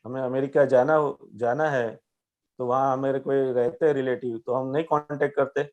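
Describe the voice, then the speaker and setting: A man with a Gujarati accent giving a gentle spiritual teaching, patiently checking that his young listener understands. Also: mid-range voice, fairly even intonation, normal speed, muffled recording.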